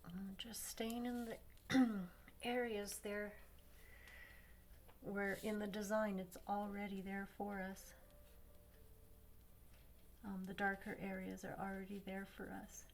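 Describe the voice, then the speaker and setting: A woman's voice: mid-range voice, little pitch movement, slow pace, pauses often, slight background noise. A woman hosting a craft tutorial, talking casually as she colors and thinking aloud, sometimes dropping to a near-whisper. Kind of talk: casual demo narration while coloring.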